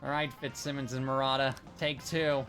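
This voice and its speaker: A man's voice: medium pitch, flat delivery, moderate pace, a bit bright, faint music behind. A man streaming a game, chatting casually, reading game text aloud and thanking viewers. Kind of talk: casual live-stream commentary.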